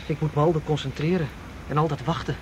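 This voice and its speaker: A man with a somewhat high, steady voice talks fast, playing a tense, confident getaway planner in a naturalistic radio drama. His delivery is clipped and instructive, only lightly acted, and the recording sounds dull and noisy.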